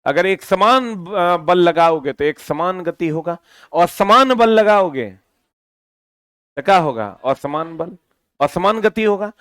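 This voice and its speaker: A man teaches a physics class in a high, smooth voice, speaking slowly yet lively and constantly firing questions back at his students. The sound is dry and close, with no room sound at all.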